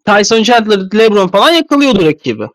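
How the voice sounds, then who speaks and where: A man's voice: sits high, big pitch swings, quick pace, dry recording. A man sick with a cold, his voice thick and stuffy, giving casual, rambling basketball analysis as a podcast commentator. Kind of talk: casual sports analysis talk.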